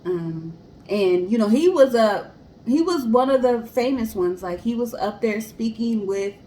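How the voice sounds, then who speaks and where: Co-hosting a casual story show, this woman explains history and talks straight to her listeners as a podcast storyteller. Her voice sits on the high side, expressive and a little slow, with a dark tone. The room echoes and background hiss is clearly audible.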